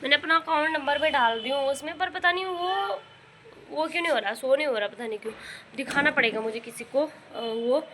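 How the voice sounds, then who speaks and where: A young woman and mother vlogging in casual chat, rambling with many pauses and fillers, and rising into high, coaxing calls when she talks to her baby. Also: background noise. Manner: rises into high, loud, coaxing tones when calling the baby.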